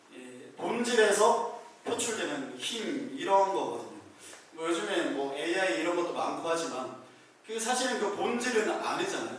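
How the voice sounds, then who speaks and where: A man with a fairly high voice preaches in a relaxed, talky way, acting out the scenes as he goes. The room is very echoey, and he sounds some way from the mic, with faint noise underneath. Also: distant mic. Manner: lively storytelling, acting out scenes. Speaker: pastor. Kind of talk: conversational sermon. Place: small church room.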